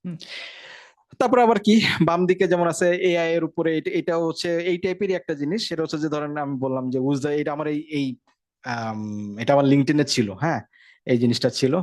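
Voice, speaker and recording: A man's voice: fairly high pitch, darkish tone. A man teaching a casual tech lecture, talking in a conversational way and often checking in with his listeners. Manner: fast, conversational, frequent check-ins. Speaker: instructor.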